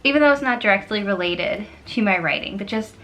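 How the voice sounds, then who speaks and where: Young woman, casual vlogger, mid-pitched and rambling, laughs at herself, faint room hiss on a camera mic. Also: lively intonation, fairly quick, sharp tone. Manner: chatty and rambling, self-deprecating, laughs often. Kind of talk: casual productivity vlog. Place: home office, indoors.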